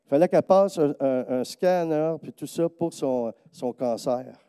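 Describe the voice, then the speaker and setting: At a measured pace, a man with a smooth voice and a Quebec French accent preaches a testimony in church, with no echo. He narrates in a lively way, quoting the people in his stories in a higher-pitched voice.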